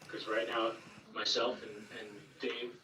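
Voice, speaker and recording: Male detective, calm and coaxing, old interrogation tape: distant room mic, roomy echo. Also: on the low side, measured pace. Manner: calm, coaxing, repeats "okay?". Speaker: sheriff's detective. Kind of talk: police interrogation. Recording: echoey room tape from a distance, faint hiss.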